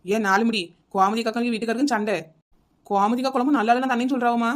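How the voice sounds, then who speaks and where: Sharp-tongued young wife, as a woman plays her, quick, slightly high voice, comic skit. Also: steady tone, close to an everyday voice. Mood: defiant. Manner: teasing, rapid, defiant. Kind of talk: comic village skit acting.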